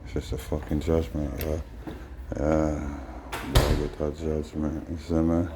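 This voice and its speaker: A man speaking in Rastafarian patois, rambling casually in a drawn-out, preachy way with frequent tag phrases. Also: extremely low pitch, monotone, heavy background noise. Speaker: host. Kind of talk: casual rambling vlog monologue in Rastafarian speech.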